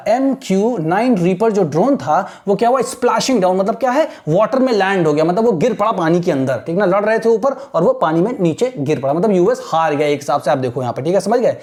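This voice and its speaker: A woman with an Indian accent teaching an English editorial, reading lines slowly and explaining each one with a repeated "theek hai na". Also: medium pitch, lively intonation, dark tone.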